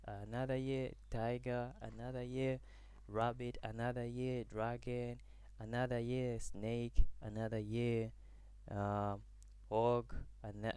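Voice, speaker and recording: A young man from Zambia gives a class presentation, halting and restarting as he searches for words. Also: mid-range voice, a little mellow, clear, resonant tone, no echo. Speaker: student presenter.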